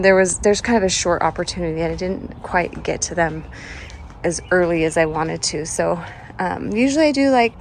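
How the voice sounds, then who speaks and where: Still sleepy and getting over a cold, a woman who vlogs about home and garden topics tours her front yard garden outside in a relaxed way. She chats freely, laughs frequently, and lets sentences trail off. Her pitch sits in the middle, and a faint hiss or hum runs underneath.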